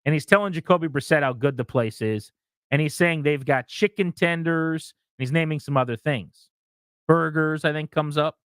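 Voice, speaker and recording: A man on sports talk radio, his voice sitting a little high for a man and recorded dry and close. He lays out his opinions with conviction and speaks right at his listeners. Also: normal speed, clean tone, no room sound. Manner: opinionated, talks straight to listeners. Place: radio studio.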